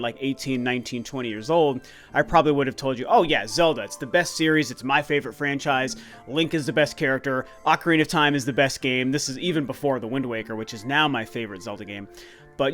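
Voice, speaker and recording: A man in his thirties, late in that decade, hosts a video game channel and talks on the high side with a fairly bright tone. His vlog delivery is relaxed and enthusiastic, wandering with fillers and false starts.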